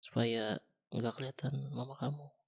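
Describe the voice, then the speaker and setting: A young man speaks in a whispered role-play as a boyfriend. His low voice is gravelly and husky. He coaxes softly and teases gently. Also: fairly even intonation, normal speed. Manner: soft, coaxing and gently teasing. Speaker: ASMR boyfriend role-player.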